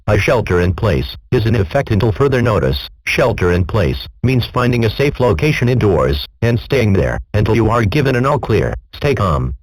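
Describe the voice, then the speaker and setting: A man with a lowish voice reads a scripted emergency broadcast announcement in a formal, measured and impersonal way. The recording is rough but has no echo.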